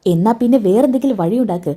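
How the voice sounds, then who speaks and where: Woman doing a cold commanding male villain, mellow voice, plain serial-retelling delivery. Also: fairly high pitch, lively intonation, quick pace, breathy edge. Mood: menacing. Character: scheming male villain giving murderous orders.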